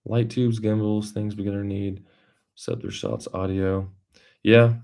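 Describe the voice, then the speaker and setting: Low voiced guy doing a casual youtube live, just rambling and thinking out loud to viewers. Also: big pitch swings, measured pace, vocal fry. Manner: rambling, thinking aloud while reading the chat. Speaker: YouTube creator hosting a livestream. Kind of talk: casual unscripted livestream chat.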